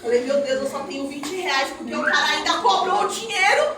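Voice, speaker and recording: A woman preaches her testimony, her voice pitched very high. She tells her story with animated energy and frequent laughter. The recording is distant and booming in a heavily echoing hall, with clear background noise. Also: brisk. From Minas Gerais, Brazil. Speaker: missionary. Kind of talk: testimony sermon to a congregation. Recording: very echoey hall, distant mic, noisy.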